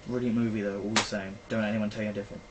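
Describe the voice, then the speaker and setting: A young vlogger from Britain talks very fast in a fairly low voice with little pitch movement. His casual film review chat rambles and is full of fillers. Recording quality is poor, with faint background noise.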